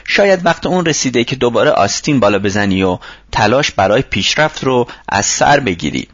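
Male reader playing patient older workshop mentor, lively advising voice, husky, dull dry audiobook sound. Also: mid-range voice, dry recording.

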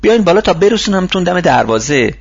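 A man's voice: high voice, slightly rough, highs cut off, pitched above the performer's own voice, full character voice. A man reading a storybook, voicing an eager, polite young family man who is struggling to get ahead. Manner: polite, excited replies.

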